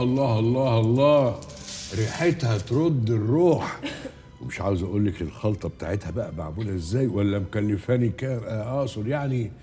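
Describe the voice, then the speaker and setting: A man's voice: lowish voice, dark tone, natural voice. An actor playing a scheming uncle, coaxing his niece in a sweet-talking Egyptian voice and repeating himself.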